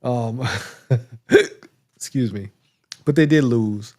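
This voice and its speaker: A man's voice: medium pitch, extremely slow, darkish tone. A man co-hosting a podcast, recapping wrestling matches in a rambling casual chat, laughing now and then, with a touch of hiccups. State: has the hiccups. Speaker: podcast co-host.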